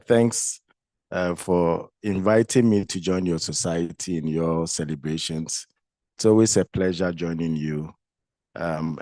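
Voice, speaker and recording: Deep, groggy-voiced Ghanaian man presenting. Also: a little mellow, dry recording, clean studio sound. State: groggy, congested with flu. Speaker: guest speaker, specialist physician and nephrologist. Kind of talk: medical conference presentation.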